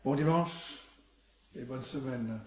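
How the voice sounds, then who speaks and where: A man preaching who sings a hymn unaccompanied in a slow, solemn way and speaks a blessing. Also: mid-range voice, a little mellow. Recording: very echoey room.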